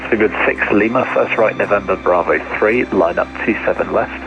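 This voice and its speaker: A man working as an air traffic controller, giving procedural clearances over the radio. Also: fairly low pitch, normal speed. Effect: aircraft radio. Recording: muffled radio audio with music behind.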